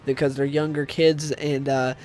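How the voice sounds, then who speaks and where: Still congested and nasal from a cold, the young man meanders through his comic book review, full of fillers and false starts. This time his voice is mid-range, level, and a little mellow, at a moderate pace.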